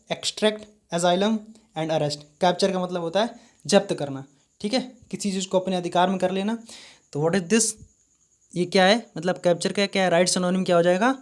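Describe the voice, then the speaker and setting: Male teacher spelling out words. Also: sits high. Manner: spells words letter by letter, repeats questions. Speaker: vocabulary teacher. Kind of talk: live online vocabulary lesson.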